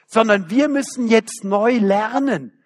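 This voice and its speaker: An older man preaching a sermon, emphatic, with ironic asides and slowed words for stress. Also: high-pitched. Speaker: preacher and theology lecturer.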